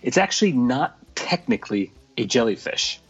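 A man's voice: mid-range voice, very animated, slightly rough. Man heard over a muffled radio link. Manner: easygoing, explains with halting restarts. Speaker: remote field correspondent. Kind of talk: casual comedic radio chat.

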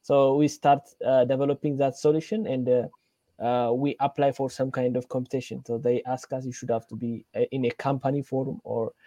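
A young man from Ethiopia, a guest in an interview, telling his story hesitantly with many pauses. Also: mid-range voice, level tone, mellow, no room sound. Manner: hesitant, many fillers and restarts. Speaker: fellowship guest, computer engineering lecturer. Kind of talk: casual interview talk.

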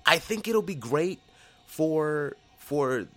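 A man hosting a casual podcast chat, excitable and quick to laugh, with lots of ums. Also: fairly high pitch. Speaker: podcast host.

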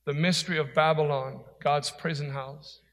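A man's voice: fairly high pitch, fairly even intonation, normal speed, fairly bright tone, long reverb tail. A man preaching a sermon as pastor, with an earnest, emphatic delivery.

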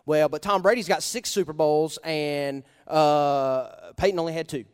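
A male pastor preaching a sermon in a conversational style, asking the congregation questions and punching key words with sudden loud emphasis. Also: on the high side, measured pace, clear, resonant tone, big-room sound.

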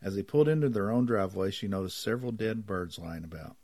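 A man narrating a story in a measured, even reading voice. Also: on the low side, no room sound.

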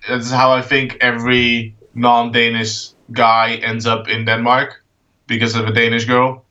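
A Dutch man in his thirties, a guest in a casual interview, who talks in a halting way with many fillers and restarts. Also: medium pitch, monotone, sharp tone, distant mic, dull audio. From Netherlands. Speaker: guest, art project founder.

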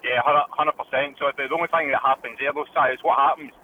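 A man's voice: medium pitch, fairly even intonation, quick pace. A Scottish man calling in to a football radio show, opinionated and often saying "do you know what I mean". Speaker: caller. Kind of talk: casual phone-in chat. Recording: tinny phone line with faint noise.

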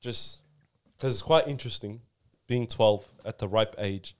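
A man's voice: fairly low pitch, a little slow. A man from Somalia hosting a podcast, talking in a chatty, loose way full of fillers. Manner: chatty, loose, lots of "like" and "you know". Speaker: podcast host. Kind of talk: casual chat.

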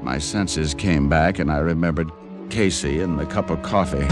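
An actor playing a wry, tough male private detective in an old radio drama, with dry wisecracks and hard-boiled narration. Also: fairly low pitch.

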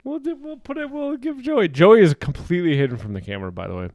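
A man co-hosting a podcast in casual chat, playful and quick to laugh, a little out of breath. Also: sits high, sing-song, a little mellow, no room sound, highs cut off. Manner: playful, laughs often, hums tunes. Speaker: podcast co-host.

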